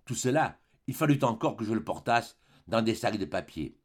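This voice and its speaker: A man volunteers as an audiobook narrator, reading a classic novel aloud in expressive, scripted storytelling. His voice is on the low side and his pace is moderate.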